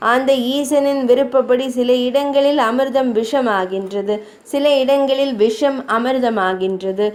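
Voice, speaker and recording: A woman voicing a grief-stricken young king who mourns his dead wife in a slow, mournful lament. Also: high voice.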